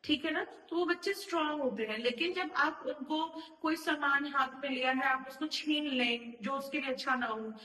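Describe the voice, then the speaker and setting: Woman, psychologist, earnest advising tone, high voice, long reverb from a distance. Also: normal speed, few pauses, sharp tone. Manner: earnest, advising, mixes English terms into Hindi. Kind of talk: explaining child psychology to parents. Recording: echoey room, voice from off the mic.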